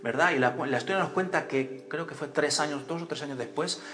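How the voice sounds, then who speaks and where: A pastor preaching a sermon in church, telling stories with acted-out voices and questions to the congregation. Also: male voice, on the high side, brisk. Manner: animated storytelling, acts out voices and cries, asks the congregation questions.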